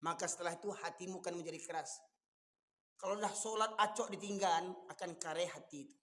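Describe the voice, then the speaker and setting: Forceful male preacher, Minangkabau accent, fiery rhetorical delivery, long hall reverb. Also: high-pitched, fairly quick. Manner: forceful, rises to shouting, fires rhetorical questions. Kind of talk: fiery sermon.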